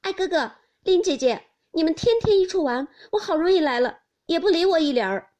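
A woman voicing a lively, chatty teenage girl in an audiobook, speaking in a loud, bantering way. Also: very high-pitched, brisk, pitched above the performer's own voice. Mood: complaining.

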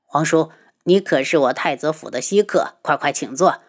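A woman voicing a warm, eager young crown prince in an audiobook, slightly lowered. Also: moderate pace.

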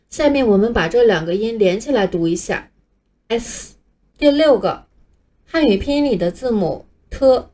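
A woman teaching English letters, speaking patiently and clearly in a scripted lesson, with Chinese as her first language. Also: medium pitch, mellow. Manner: patient, clear, modeling pronunciation for learners to repeat.

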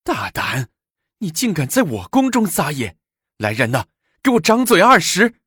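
A man's voice: on the high side, huge pitch swings, a bit bright, husky, dry recording, studio quality, pitched above the performer's own voice, exaggerated voice. A man voicing a haughty, scheming young empress who sneers and commands punishments. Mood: furious. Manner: sneering, drawn-out mocking lines.

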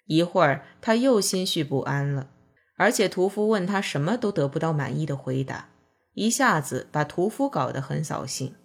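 A woman narrating a novel as an audiobook, in calm, measured storytelling. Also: deep voice, creaky, husky.

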